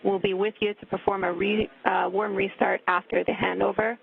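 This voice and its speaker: A woman at mission control calmly talking crew through procedural steps over a radio link that sounds like a sci-fi communicator. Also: medium pitch, normal speed, creaky, breathy edge. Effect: narrow radio channel, like a sci-fi communicator.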